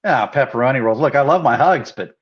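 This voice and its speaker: A man's voice: medium pitch, animated, brisk. A man co-hosting a casual live sports chat, speaking in an earnest, encouraging way. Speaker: co-host. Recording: dull, muffled lo-fi audio.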